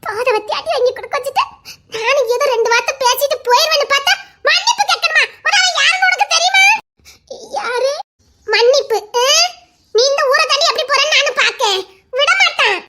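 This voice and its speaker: A woman acting a sharp-tongued village woman in a skit, mocking and shouting threats. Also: extremely high pitch, a little fast. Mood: threatening. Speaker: actor in a comedy skit.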